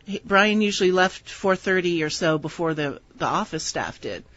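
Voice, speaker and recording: A woman's voice: fairly low pitch, animated, normal speed, a bit bright, no echo. Woman author, radio guest, thoughtful explanations, dry studio sound, dull audio. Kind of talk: radio interview.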